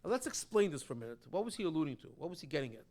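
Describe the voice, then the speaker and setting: A man's voice: fairly high pitch, sing-song, very fast, darkish tone. A man, a rabbi, teaching a Torah class, explaining texts and reading them aloud with strong emphasis.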